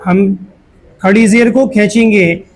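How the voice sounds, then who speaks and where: A man teaching Quran recitation, chanting each verse slowly and pausing to correct pronunciation. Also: high voice, fairly even intonation, low-quality recording. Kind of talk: call-and-response recitation lesson.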